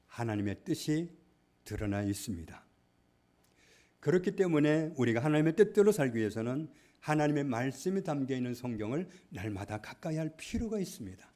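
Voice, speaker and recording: A male pastor preaching a sermon, stressing points loudly and then dropping to hushed asides. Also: medium pitch, big pitch swings, moderate pace. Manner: emphatic, swings between loud stresses and hushed asides. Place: church.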